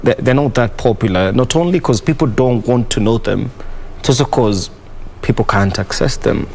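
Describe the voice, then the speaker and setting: A man's voice: medium pitch, moderate pace, a little mellow, a little hiss or hum. Probing man hosting a sports talk show. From Kenya. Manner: probing, hesitant, many "you know" fillers. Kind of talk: studio discussion.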